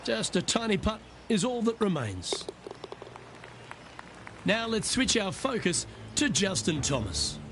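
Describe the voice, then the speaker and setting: A man's voice: high voice, very animated, takes it slowly, long pauses, heavily acted. A man playing a golf commentator in a video game, tracking players shot by shot. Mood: focused. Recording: crowd and clear background noise.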